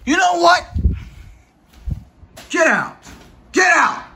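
A man voicing an angry cartoon homeowner who yells at intruders in a homemade fan cartoon. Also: very high-pitched, huge pitch swings, very slow, gravelly, slight background noise, pitched above the performer's own voice, exaggerated voice. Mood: furious. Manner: yelling, furious.

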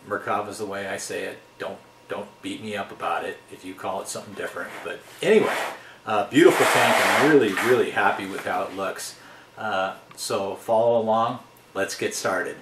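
Male hobby host, lowish voice, easygoing unboxing chat, room echo and background noise. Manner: relaxed, rambling, frequent fillers. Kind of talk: casual unboxing talk.

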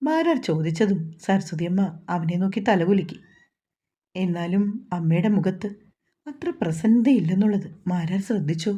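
Woman reading a Malayalam novel aloud, mellow and husky. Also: fairly low pitch, normal speed. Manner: reads all characters' dialogue in a mostly even voice. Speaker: story narrator. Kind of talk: scripted novel narration.

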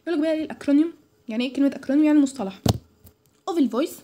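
Fast-talking Egyptian woman tutoring. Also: high voice, noisy background. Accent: Egyptian Arabic. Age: young adult. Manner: chatty, fast, many restarts, mixes in English terms. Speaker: student tutor. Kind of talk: informal lecture.

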